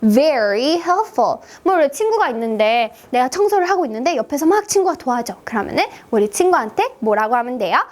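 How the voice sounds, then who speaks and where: High, lively woman teaching kids. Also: a little fast, hardly any pauses. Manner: animated, playful, sing-song teaching with exaggerated gasps. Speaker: children's English teacher. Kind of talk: children's language lesson.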